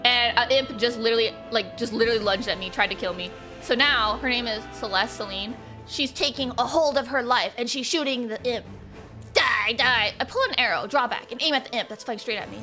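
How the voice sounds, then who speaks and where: A woman's voice: on the high side, brisk, few pauses, sharp tone, soft background music. A young woman streaming a game, reading the story text aloud and chatting between lines in a bubbly way. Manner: bubbly and chatty, laughing often. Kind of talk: live-stream playthrough, reading visual novel text aloud.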